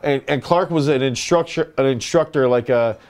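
A man's voice: mid-range voice, normal speed, a little mellow, clean tone. Man telling a rambling story. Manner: rambling anecdotes with quoted voices. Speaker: podcast co-host, strength coach. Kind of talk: casual storytelling chat.

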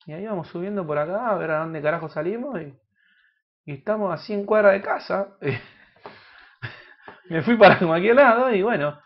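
A man with an Argentine Spanish accent giving crude, joking gameplay commentary that bursts into loud shouts. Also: high-pitched, expressive, moderate pace, long pauses, dull audio. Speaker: gaming youtuber.

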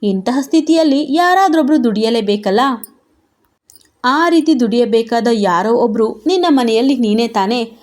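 A mocking young husband figure in a storybook reading, playfully sarcastic and coaxing, voiced by a woman narrator in her own fairly high voice. The voice sits a touch high for a man and is barely put on. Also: normal speed, darkish tone, natural voice. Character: smug teasing young husband, male.

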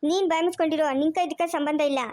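A woman's voice: high-pitched, fairly even intonation, very fast, warm tone, no echo, lightly acted. A woman, playing a furious wife who scolds and insults in an amateur family drama. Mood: scolding.

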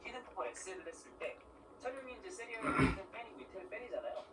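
A man's voice: high voice, big pitch swings, racing, recorded from a distance, very noisy. Man talking football with his mouth full. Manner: chatty, explains and asks viewers rhetorical questions. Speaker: vlog host. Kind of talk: casual football chat while eating.

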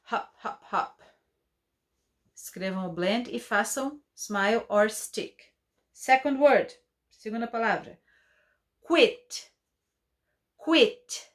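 Woman, unhurried kids' phonics teacher, repeats words slowly and clearly. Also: mid-range voice. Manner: drawn-out word repetition, mixing English and Portuguese. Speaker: English teacher. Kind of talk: slow phonics lesson for children.

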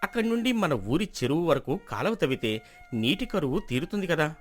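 An earnest young villager pleads his case with lively rises and falls in pitch, as a man acts him out. He argues quickly and firmly, like a hero in a storybook drama. Soft music plays underneath. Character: earnest young male villager, calm and persuasive.

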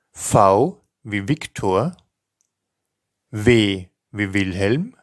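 Low-voiced man, very slow language teacher. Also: fairly bright tone, no room sound, clean studio sound. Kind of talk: language lesson, slow clear recitation of example words.

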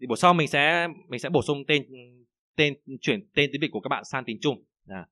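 A man's voice: mid-range voice, lively intonation, no echo. A young man with a Vietnamese accent teaching an online Chinese class, chatty and full of fillers and repeated words. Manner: slow, loud model readings of Chinese phrases.

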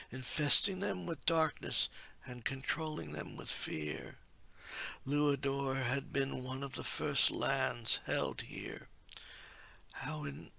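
A man voicing an ethereal, wise male oracle who speaks slowly and solemnly in a storybook reading. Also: medium pitch, creaky, no echo, voice pushed up, heavily acted. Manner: slow, hushed and measured.

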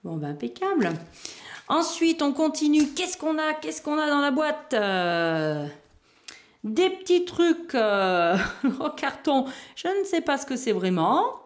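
A woman's voice: high voice, very animated, slow. A woman hosting a board game unboxing video, chatting casually and thinking aloud as she handles the pieces. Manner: chatty, thinks aloud while handling items, small laughs.

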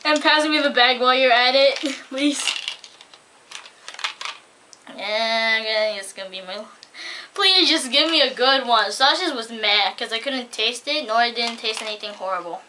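A woman's voice: on the high side, normal speed, background noise. A teenage girl hosting a casual taste-test at home, giggling often and teasing. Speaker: channel host.

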